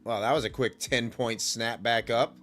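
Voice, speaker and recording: A futures day trader hosting a live trading stream chats about the markets in a laid-back, rambling, informal way, with soft music in the background. He has a cold, so his nose is slightly stuffy and he coughs. His mid-range voice has fairly even intonation, a moderate pace, and a fairly bright tone.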